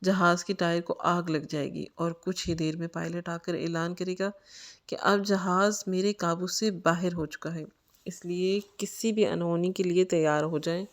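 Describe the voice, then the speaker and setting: A woman's voice: on the low side, fairly even intonation, close to an everyday voice. A woman voicing a teasing young man. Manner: mocking, telling frightening tales with relish. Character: teasing young man seated beside her on a plane. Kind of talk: storytelling in Urdu.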